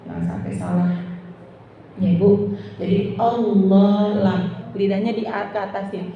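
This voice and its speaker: A woman's voice: medium pitch, fairly even intonation, creaky, a little hiss or hum. Woman teacher in an echoey hall. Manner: drawn-out demonstrative recitation, asks the audience questions. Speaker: Islamic teacher. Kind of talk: religious study lesson to women. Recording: distant echoey hall, dull lo-fi sound.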